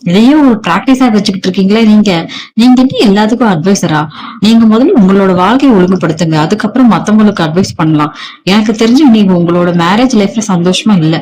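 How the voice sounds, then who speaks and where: Defiant young married woman, sharp and scolding, voiced by the narrator in a read story. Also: medium pitch, fast, close to an everyday voice, low-quality recording. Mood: angry, defiant.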